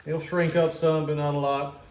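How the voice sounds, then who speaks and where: A man's voice: a little high, little pitch movement, moderate pace, a little mellow, roomy sound. A man casually explaining a home cooking task in a rambling, easygoing, self-joking way. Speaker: homestead vlogger. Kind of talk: casual how-to vlog.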